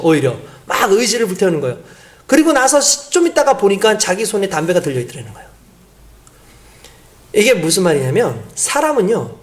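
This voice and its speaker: A woman pastor with a fairly high-pitched voice preaches a sermon, explaining things step by step and putting rhetorical questions to the congregation.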